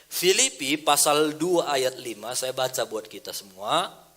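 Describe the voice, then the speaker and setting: Animated Indonesian pastor preaching a sermon. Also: male voice, medium pitch, unhurried. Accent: Karo Batak Indonesian. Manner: animated storytelling, acting out dialogue in a raised voice.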